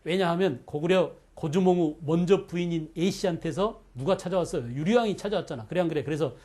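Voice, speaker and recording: A man teaching an exam-prep history lecture, animated, constantly checking in with students through quick questions. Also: a little high. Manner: animated, asks the class frequent quick questions.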